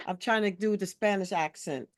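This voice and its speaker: A woman's voice: mid-range voice, moderate pace, no echo, clean studio sound. A woman leading a community board committee meeting over a video call, recapping matter-of-factly in a loose, conversational way.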